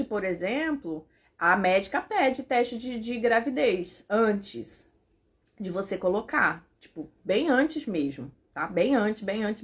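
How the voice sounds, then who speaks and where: A young adult woman telling a personal story in a vlog, emotional and animated, with lots of fillers. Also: on the high side. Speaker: vlogger.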